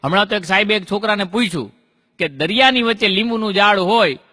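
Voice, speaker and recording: A male comic spins folk stories and rhyming couplets from the stage. His voice is high and bright. A long hall echo trails each line. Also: fast talker. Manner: storytelling with punchlines and rhyming couplets. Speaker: stand-up comedian. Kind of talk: Gujarati folk stand-up comedy.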